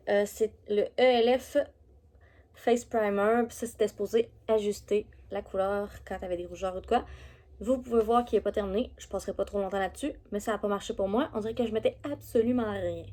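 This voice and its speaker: A woman's voice: mid-range voice, darkish tone. A woman with a Québécois French accent, chatting casually through a beauty product review with lots of fillers. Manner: chatty, loose, full of fillers. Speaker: beauty vlogger.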